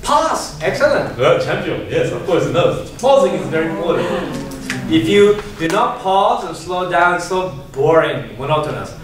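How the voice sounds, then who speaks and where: Man teaching a lively speech class. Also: on the high side, normal speed, over music. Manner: encouraging, asks questions and laughs often. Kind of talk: classroom lesson. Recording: echoey room, distant mic, background noise.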